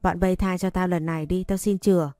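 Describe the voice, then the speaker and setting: A woman's voice: fairly low pitch, fairly even intonation, brisk, warm tone, no echo, faint music behind, natural voice. A woman voicing a cowardly teenage girl who pleads and whines, in a storybook reading. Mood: pleading. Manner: pleading and whiny.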